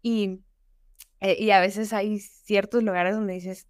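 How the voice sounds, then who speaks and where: Smooth-voiced Mexican woman, chatty guest. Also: mid-range voice, fairly even intonation, takes it slowly, no room sound, studio quality. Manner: chatty, explains at length with anecdotes. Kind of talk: casual podcast conversation.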